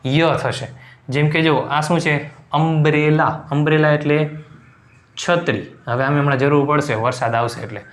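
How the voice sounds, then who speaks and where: A man with a Gujarati accent teaches a recorded lecture in a slightly higher voice than most men. He keeps checking that his students follow along with short questions. The room is echoey. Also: steady tone, moderate pace.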